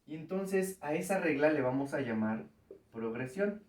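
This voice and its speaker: A man's voice: fairly high pitch, lively intonation, moderate pace, a little mellow, distant mic. Man teaching math in an echoey room. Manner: patient, explains step by step, often checks with "¿ok?". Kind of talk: recorded video lesson at a board.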